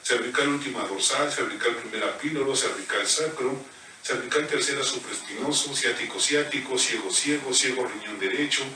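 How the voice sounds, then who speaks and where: A man working as a biomagnetism therapist, reciting pairs of body points in a quick, steady murmur during a live scan. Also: mid-range voice. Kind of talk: rapid-fire live scanning recitation. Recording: echoey room, distant mic, background noise.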